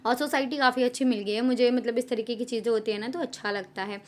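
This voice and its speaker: Chatty woman vlogger, fairly high voice. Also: steady tone, fast talker. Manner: chatty, mixes English words into Hindi. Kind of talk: casual chat to camera.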